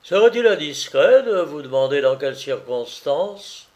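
A man's voice: on the high side, sing-song, unhurried, a little mellow. A man reading a novel aloud, voicing a polite, curious male journalist with a courteous, emphatic delivery. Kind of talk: audiobook character reading.

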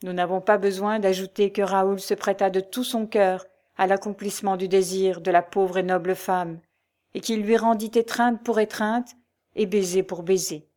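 A woman reads a classic novel aloud at an even, measured pace. Her voice sits at a middle pitch, and her delivery is steady. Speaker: audiobook narrator. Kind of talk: scripted narration of a novel.

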